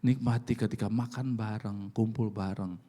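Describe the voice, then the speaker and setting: A man's voice: fairly low pitch, moderate pace. An older man preaching a sermon, with a touch, folksy and full of acted-out voices and laughter. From Indonesia. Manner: lively, folksy, acts out voices, laughs often. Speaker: pastor.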